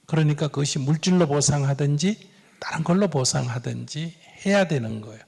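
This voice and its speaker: Gravelly man. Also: on the high side, a little fast. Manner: lively, acts out dialogue, chuckles. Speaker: Buddhist teacher answering questions. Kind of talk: sermon-like Q&A advice. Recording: long hall reverb.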